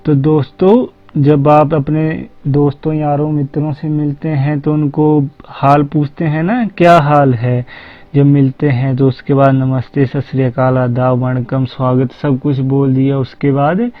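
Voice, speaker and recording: A man's voice: medium pitch, flat delivery, measured pace. A man giving a casual spoken lesson, spelling words out letter by letter and repeating himself often. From Haryana, India. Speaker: language teacher. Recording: dull lo-fi recording.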